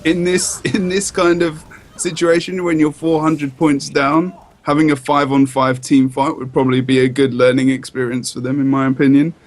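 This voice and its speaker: A man's voice: a little high, level tone, moderate pace. Rambling esports co-caster man. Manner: loose, rambling, with restarts. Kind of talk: casual analytic commentary.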